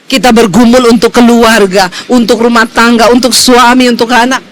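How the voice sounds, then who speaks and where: A middle-aged woman pastor preaching a sermon, telling stories in a lively, emphatic way. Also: fairly high pitch, normal speed, rough recording.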